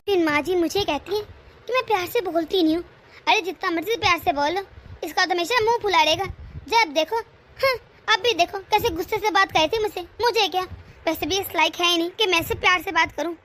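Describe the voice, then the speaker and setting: In a cartoon family drama, a woman voices a lazy, scheming younger daughter-in-law who grumbles and complains. The voice is very high, bright and sharp, and fairly quick.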